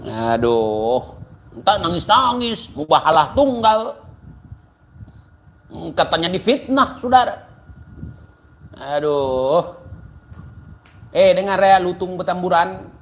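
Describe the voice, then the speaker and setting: A man with a high voice delivers a ranting commentary, slow and deliberate in pace. He taunts and insults throughout, in a scornful, mocking way. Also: expressive.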